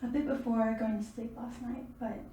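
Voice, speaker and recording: An actress playing a withdrawn, uneasy research subject, hesitant and subdued in a found-footage drama. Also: female voice, fairly high pitch, steady tone, moderate pace, mellow, lightly acted. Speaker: interviewed test subject. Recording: echoey room, distant mic, faint noise.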